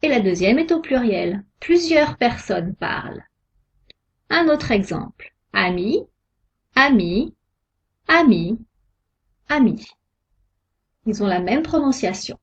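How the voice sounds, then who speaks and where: A woman giving a scripted pronunciation lesson, sounding out each example word slowly and carefully. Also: fairly high pitch, expressive, breathy edge. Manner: slow, careful, deliberate articulation of example words. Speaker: French pronunciation teacher. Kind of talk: slow scripted lesson narration. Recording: dull lo-fi recording.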